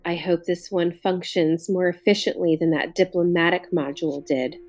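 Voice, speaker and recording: A woman voicing a cool, commanding woman officer whose voice is firm yet soft. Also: lowish voice, steady tone, moderate pace, close to an everyday voice.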